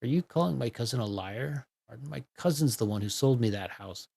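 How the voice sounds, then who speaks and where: A man voicing a gruff, pompous older man who talks bluntly and dismissively. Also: mid-range voice, expressive, fairly quick, mellow. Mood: curt hostile.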